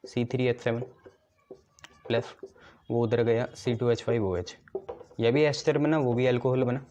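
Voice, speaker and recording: A male chemistry teacher with a medium-pitched, slightly mellow voice gives a classroom lecture, building memory tricks step by step. He often poses his own questions and answers them, frequently checking with "ठीक है", in a dull lo-fi recording with slight background noise.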